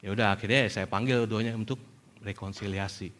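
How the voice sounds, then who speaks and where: A middle-aged male pastor preaching a sermon in a lively way, slipping into English phrases and acting out what others say. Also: lowish voice, fairly quick. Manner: animated, mixes in English phrases, acts out quoted speech. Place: church service.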